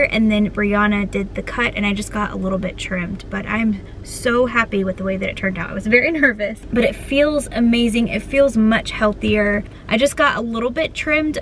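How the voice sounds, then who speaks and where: A woman in her thirties talks straight into a handheld phone camera for a casual lifestyle vlog. Her voice sits at an ordinary middle pitch, and she stays friendly, chatty and upbeat. A faint background hum runs underneath. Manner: chatty and upbeat, laughs often. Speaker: lifestyle vlogger.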